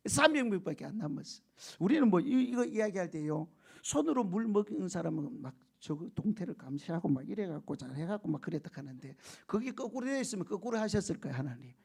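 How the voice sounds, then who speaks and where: Male pastor, high gravelly voice, animated sermon with call-and-response. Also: a little fast. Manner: animated storytelling with shouted quotes and laughter; keeps prompting the congregation for answers.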